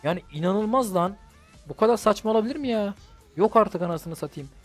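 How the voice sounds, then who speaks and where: A man's voice: high voice, lively intonation, fairly quick, faint music behind. A man giving casual running commentary while playing a mobile fighting game, talking to himself, swearing and venting about the matchups. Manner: talks to himself and the game, swears, frustrated outbursts. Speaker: gaming YouTuber.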